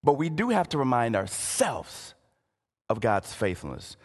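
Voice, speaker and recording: A man's voice: medium pitch, sing-song, measured pace. A man preaching a sermon earnestly, often repeating words and urging his listeners to listen. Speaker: pastor. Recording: long hall reverb.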